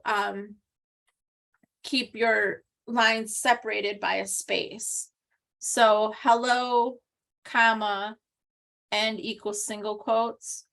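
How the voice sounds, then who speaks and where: A woman's voice: fairly high pitch, creaky, a bit bright. A woman teaching an online class, explaining step by step with frequent ums and restarts over a video call. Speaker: instructor. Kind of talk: recorded online class walkthrough.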